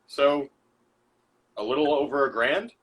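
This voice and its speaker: Podcast co-host, male, slightly raspy, dry humor, casual banter. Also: mid-range voice, unhurried, a bit bright. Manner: dry, joking, reads the chat aloud. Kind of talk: casual chat.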